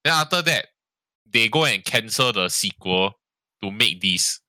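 Man, casual co-host; bright, sharp, low voice, rambling, dry mic. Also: animated, unhurried, no room sound. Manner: rambling, frequent "lah" and "ah" tags, swears. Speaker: podcast co-host. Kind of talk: casual chat.

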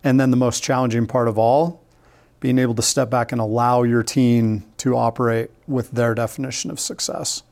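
A man's voice: mid-range voice, little pitch movement, normal speed, gravelly, darkish tone. A middle-aged man co-hosting a casual podcast, upbeat and laughing often as he explains at length. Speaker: podcast co-host.

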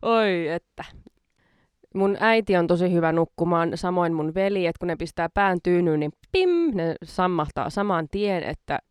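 A woman's voice: lowish voice, clean tone, dry recording. A woman hosting a podcast in casual chat, self-mocking and laughing often between her words. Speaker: podcast host.

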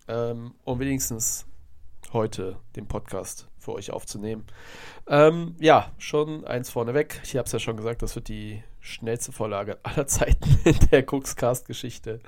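A man with a mid-range, slightly mellow voice hosts a casual solo podcast at an unhurried pace. Stuffed up from a cold, he rambles through a football recap, often correcting himself.

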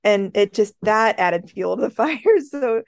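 A woman co-hosting a podcast, telling an animated story in casual chat and laughing often. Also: medium pitch, measured pace, creaky, dry recording, clean studio sound. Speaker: podcast co-host.

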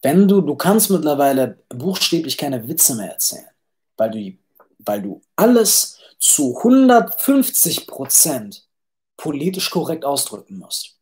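A man's voice: fairly high pitch, big pitch swings, a little slow, darkish tone. Brash, rambling man hosting a podcast. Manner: brash and blunt, swears, many restarts and repeated words. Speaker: podcast host. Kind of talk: casual rambling solo podcast talk.

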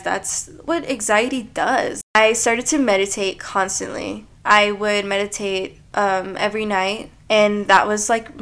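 A woman's voice: mid-range voice, a bit bright. Chatty young woman podcaster. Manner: chatty, confessional, lots of fillers like "like". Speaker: podcast host. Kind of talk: casual solo podcast monologue.

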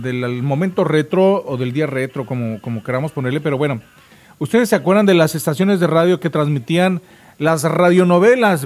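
A man with a Mexican accent and a fairly high-pitched voice hosts a morning radio show, chatting casually with his co-hosts and listeners.

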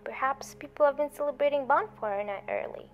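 A woman's voice: high-pitched, a little fast, highs cut off, faint music behind, pitched above the performer's own voice, close to an everyday voice. A woman voicing a chatty male TV weatherman in a whispered role-play, folksy and jokey. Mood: breezy.

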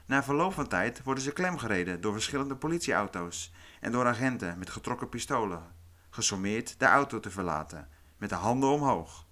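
A man hosting a podcast, reading a scripted true-crime narration in a calm, measured way. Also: medium pitch. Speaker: podcast host.

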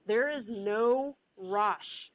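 A woman's voice: mid-range voice, very slow, no echo, low-quality recording. Frank young woman giving blunt advice. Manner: frank, advice-giving, loses her train of thought. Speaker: podcast host. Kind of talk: casual chat.

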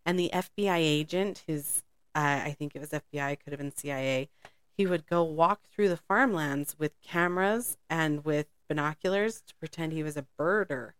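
A woman's voice: deep voice, moderate pace, smooth, no room sound. A woman co-hosting a podcast, telling a spy story in a rambling, casual way and laughing often. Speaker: podcast co-host.

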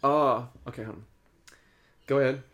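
A man's voice: mid-range voice, steady tone, moderate pace, fairly bright tone, lo-fi sound. A young man with an Australian accent hosting an amateur radio show, bantering and making prank calls in a jokey, sweary way. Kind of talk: prank call and casual banter.

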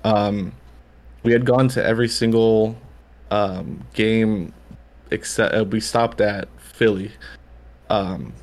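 Rambling guest. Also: male voice, fairly low pitch, steady tone, slow, long pauses, a little mellow. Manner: rambling, lots of fillers and restarts. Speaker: guest podcaster. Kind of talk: casual chat.

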